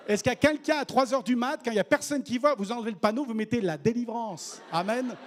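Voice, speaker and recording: High-voiced animated male preacher. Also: fast talker. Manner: animated, acts out voices of people in the story, jokes with the congregation. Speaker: missionary preacher. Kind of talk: sermon.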